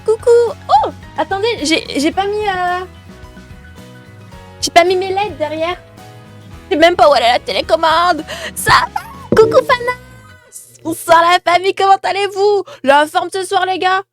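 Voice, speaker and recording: Woman, very high voice, live streamer, chatty, greets viewers by name, bedroom, faint music behind. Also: normal speed. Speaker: gaming streamer. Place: her bedroom.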